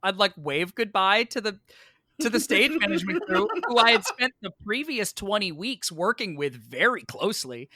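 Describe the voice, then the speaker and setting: A stage actor from New York, United States, guests on a podcast with a high voice at a normal speed, recorded cleanly in a studio with no room sound. He casually relates a personal anecdote, animated as he plays out both sides of the conversations he remembers.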